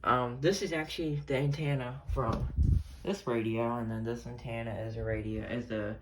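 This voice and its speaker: A radio collector, his voice medium in pitch with fairly even intonation, handles and describes his collection informally. He meanders, stalls, and corrects himself as he goes, in a noisy, clicking room.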